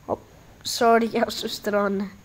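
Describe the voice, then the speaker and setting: A woman's voice: medium pitch, flat delivery, slight background noise. A woman vlogging casually from a couch at her grandmother's house, with hiccups cutting off her words and English slang thrown in. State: has hiccups. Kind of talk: casual vlog chat.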